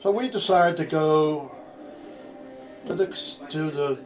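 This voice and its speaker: A man's voice: a little high, takes it slowly, muffled recording, faint music behind. An older man with a grandpa voice tells a casual, rambling family anecdote in a folksy, salty way. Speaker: grandfather telling family stories.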